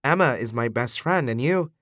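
A man's voice: medium pitch, lively intonation, a little slow, a bit bright, dry recording, studio quality. A man narrating an audiobook voices a shaky, sniffling young man pleading with his father. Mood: tearful. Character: tearful young man, emotional adopted son.

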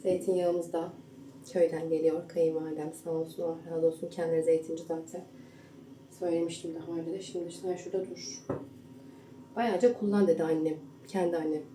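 Cooking at home for her vlog, a young woman talks casually to her viewers in a low, fairly quick voice with little rise or fall. At times she drops to a hush to avoid waking her husband and baby, who are asleep. Heard from a distance, the recording picks up the kitchen's roomy echo and everyday household sounds.

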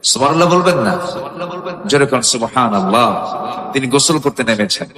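A man preaching a Bengali sermon, telling a story with animated shifts of voice and sudden rising shouts. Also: medium pitch, a little fast, crowd noise. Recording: echoey hall with long reverb.

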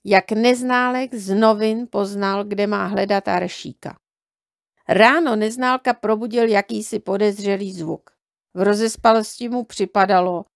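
Woman narrator, storybook reading, calm and measured, dry close sound. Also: mid-range voice, no room sound. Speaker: audiobook reader.

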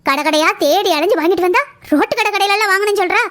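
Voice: extremely high pitch, racing, fairly bright tone. A voice actor doing a domineering mother-in-law. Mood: scolding. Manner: scolding, domineering. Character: sharp-tongued older mother-in-law. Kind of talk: cartoon voice acting.

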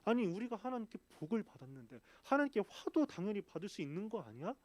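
A stricken, righteous husband, as a male preacher acts him out in a sermon, rebuking his wife. He speaks in a reproachful, animated voice, and the sound is dry. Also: high-pitched, quick pace, no room sound, pitched above the performer's own voice.

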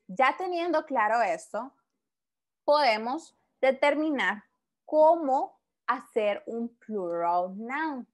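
A woman teaching an English grammar lesson, explaining patiently, repeating example words and often checking with the class. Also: on the high side.

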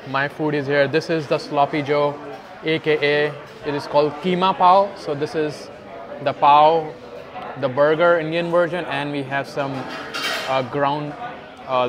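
A young food vlogger with a fairly high voice wears a clip-on lapel mic in a restaurant dining room. Relaxed, he narrates a casual review, describing each dish as he tastes and chews, while diners chatter behind him.

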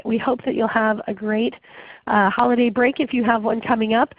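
A woman's voice: mid-range voice, no echo. A woman hosting a webinar, talking in a conversational way with frequent ums, her voice muffled from a cold. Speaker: webinar host. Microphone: webinar call audio. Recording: dry, phone-like webinar audio.

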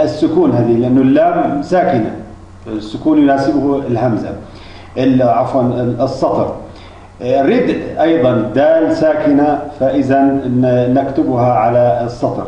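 A man's voice: mid-range voice, dark tone. Hesitant male teacher in an echoey room. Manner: halting, many restarts and fillers. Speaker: Arabic language teacher. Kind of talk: explaining spelling rules. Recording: distant mic, echoey room, dull lo-fi.

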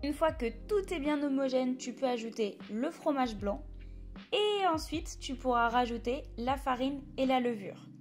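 A woman's voice: sits high, lively intonation, normal speed, over loud music. A young woman narrating her home cooking steps in a chatty voice-over, talking straight to the viewer. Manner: chatty, addresses the viewer directly. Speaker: cooking vlogger. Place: home kitchen.

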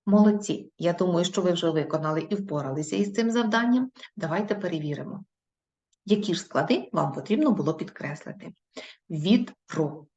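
A woman teacher giving a recorded video lesson to young children, praising them and reading words out slowly and clearly. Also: fairly low pitch, expressive, darkish tone, dull audio. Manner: slow, clearly spoken dictation of syllables; encouraging, praising pupils.

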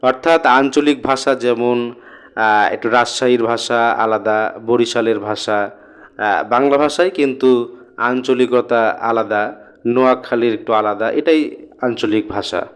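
Slow, deliberate male grammar teacher. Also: medium pitch, clear, resonant tone. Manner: slow, deliberate reading with spoken asides to students. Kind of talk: reading and explaining a grammar lesson.

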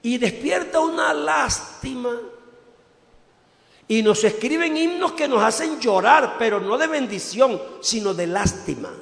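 High-voiced preacher man, gravelly, echoey hall. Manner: preaching with sudden loud outbursts and quiet drops. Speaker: pastor. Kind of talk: sermon.

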